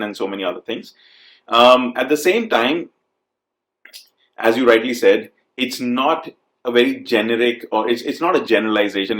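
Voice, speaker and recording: A man's voice: fairly low pitch, fairly bright tone, roomy sound. A man from India hosting a conversation, thoughtful and hesitant, with many fillers and repeated words. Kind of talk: conversational interview.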